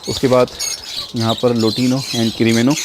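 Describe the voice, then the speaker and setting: A man's voice: mid-range voice, level tone, noisy background. A man giving an unscripted, filler-heavy walkthrough of his bird breeding setup outdoors, commenting casually as he goes. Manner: unscripted, says he talks fast, frequent fillers. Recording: loud bird chatter behind voice. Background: loud birds chirping and squawking.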